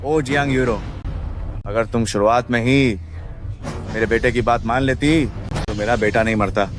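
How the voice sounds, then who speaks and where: A man's voice: mid-range voice, normal speed, natural voice. A man voicing a bitter, scornful villain who mocks his enemies. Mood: sneering. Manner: sneering, mocking. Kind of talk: Hindi-dubbed drama.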